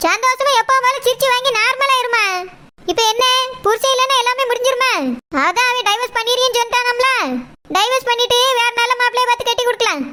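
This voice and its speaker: A sharp-tongued middle-aged cartoon daughter, blunt and sarcastic. She rattles along quickly in a very high, bright voice. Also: steady tone, slight background noise. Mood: scolding. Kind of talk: cartoon voice acting.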